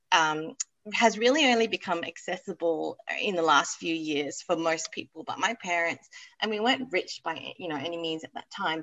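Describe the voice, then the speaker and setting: A Malaysian woman in her thirties who founded an activewear business chats as a guest on a podcast about her company and family. Her voice is lowish, bright and forceful, and she laughs easily and says "um" often.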